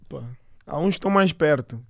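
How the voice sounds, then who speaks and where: A man's voice: on the high side, expressive, fairly quick, creaky, fairly bright tone. A man of eighteen, a footballer guesting on a podcast, chatting casually in brief, hesitant answers. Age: 18 years old. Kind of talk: casual interview chat.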